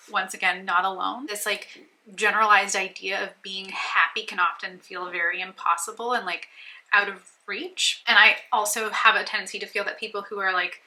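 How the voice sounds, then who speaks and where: A woman talks into her camera at home with a very bright, sharp voice. She is reflective and rambling, circling back and restarting her thoughts as she goes. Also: mid-range voice, rough recording. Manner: reflective, rambling, self-interrupting. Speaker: beauty vlogger. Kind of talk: candid talk to camera. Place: home, kitchen noise nearby.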